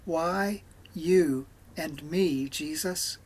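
A man reading as a pleading, tormented demon. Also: on the high side. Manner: slow, read aloud with little change of voice.

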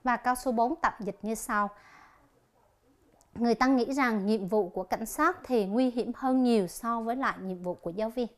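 A woman teaching an English lesson on television, slowly explaining each exercise and reading the answer options aloud. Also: a little high.

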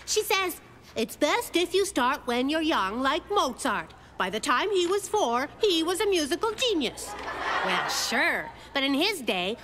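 A woman voicing a quick-witted, spunky little girl in a cartoon, with a chatty, wry comic delivery. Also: high voice, background noise. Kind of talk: cartoon acting and stand-up comedy bits.

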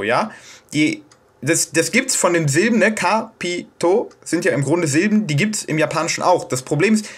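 Hesitant German man, higher voice. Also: fairly bright tone, slightly rough. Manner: hesitant, many fillers and restarts. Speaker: video host explaining Japanese pronunciation. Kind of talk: casual self-made tutorial.

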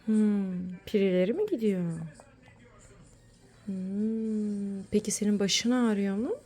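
A woman's voice: mid-range voice, takes it slowly, warm tone. A mother talking playfully with her sick young son, coaxing and sing-song. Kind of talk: casual play with a child.

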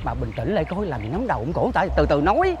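A man's voice: on the high side, big pitch swings, racing. A man playing a sheepish older husband who pleads and placates his angry wife. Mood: pleading. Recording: loud music bed behind.

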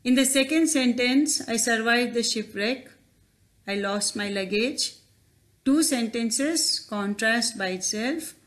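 A woman's voice: fairly high pitch, slow. A woman teacher, explaining grammar over slides in a careful, questioning way. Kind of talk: slide-based grammar lesson.

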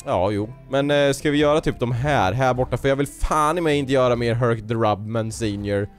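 A man's voice: mid-range voice, soft background music. A young man chatting casually and joking while playing a co-op game. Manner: joking, teasing, excitable. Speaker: gaming YouTuber. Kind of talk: casual co-op gameplay chat.

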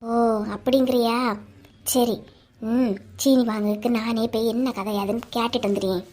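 A woman voicing a scheming village gossip who talks in a hushed, conspiratorial way, with a Kanyakumari Tamil accent, for a cartoon story. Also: steady tone, moderate pace, natural voice. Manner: hushed, conspiratorial, lower than her other voices.

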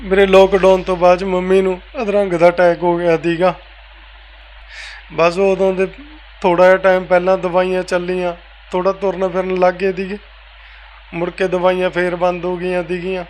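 A man answering an interviewer's questions in a soft-spoken, casual way. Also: high-pitched, monotone, normal speed, a little hiss or hum, poor audio. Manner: soft-spoken, repeats "veere" often. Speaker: interviewee, family member.

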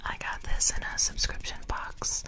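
A young woman chatting casually in a fast, breathy ASMR whisper, close to a studio microphone in a room at home. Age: young adult. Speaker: ASMR video creator. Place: small dim room at home, indoors. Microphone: close studio microphone on a stand.

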